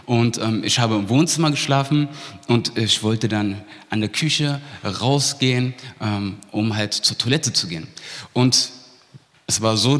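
A man's voice: mid-range voice, fairly bright tone, big-room sound. A man preaching a sermon, telling a personal story vividly and often checking in with his listeners before reading from the Bible.

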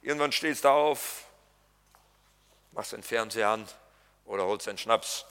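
A man's voice: on the low side, a little slow, fairly bright tone, clean tone. A man preaching a sermon as pastor, colloquial and jokey, talking straight to his congregation. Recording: reverberant hall.

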